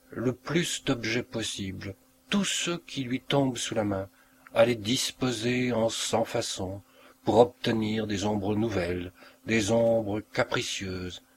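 A man reading a literary short story aloud with a measured, expressive narration. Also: medium pitch, a little hiss or hum. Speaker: audiobook reader.

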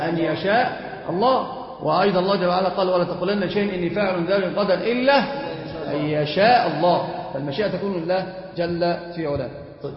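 Fast-talking man lecturing in echoey hall. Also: high voice. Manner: questions students and answers himself. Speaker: Islamic teacher. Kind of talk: classroom lecture on creed. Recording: echoey hall, dull lo-fi sound.

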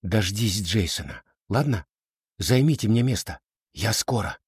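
A man voicing a quiet, determined schoolgirl in an audiobook, close to his own reading voice. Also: lowish voice, animated, unhurried, slightly rough, no echo, exaggerated voice. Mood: resolute.

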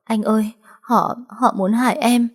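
A woman's voice: on the low side, a little fast, a little mellow, close to an everyday voice. A woman voicing a frightened young woman who pleads in broken, sobbing speech. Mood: frightened pleading.

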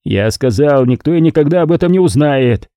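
A man's voice: on the high side, expressive, brisk, mellow, dry recording, studio quality, voice pushed up, lightly acted. A man voicing a panicked, short-tempered male gang boss who snaps out orders. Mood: harsh. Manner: barking, snapping orders.

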